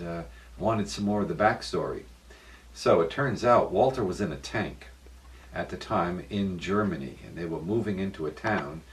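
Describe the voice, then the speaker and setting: A man, a museum director, telling a story in a relaxed, halting way with fillers. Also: low voice, recorded from a distance. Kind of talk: casual storytelling.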